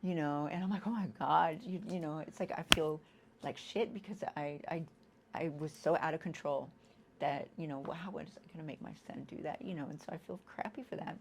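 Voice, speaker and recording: A woman with a low voice speaks candidly about her own past, halting and restarting as she goes. A faint hiss sits under the recording. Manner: halting, restarts often, leans on "you know"; acts out quoted lines with sudden loud bursts. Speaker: guest sharing an addiction recovery story. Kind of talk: candid personal testimony.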